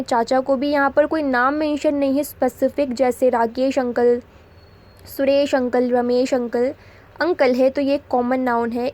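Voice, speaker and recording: A woman teaching English grammar in a Hindi lesson, explaining patiently and reading example sentences slowly. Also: sits high, darkish tone. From India.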